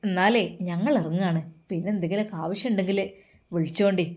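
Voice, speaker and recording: A woman's voice: lowish voice, fast, lightly acted. Brief: woman playing a chatty gossiping aunt, blunt and fake-sad. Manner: blunt, chatty, feigned sympathy. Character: gossiping middle-aged woman relative, blunt and falsely sympathetic.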